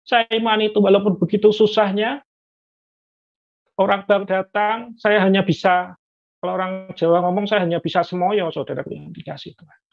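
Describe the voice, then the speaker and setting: Gravelly man giving earnest testimony. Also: high voice, steady tone, moderate pace, soft background music. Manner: earnest, often addresses listeners as brothers and sisters. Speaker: church testimony speaker. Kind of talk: personal faith testimony to a congregation. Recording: dull lo-fi recording.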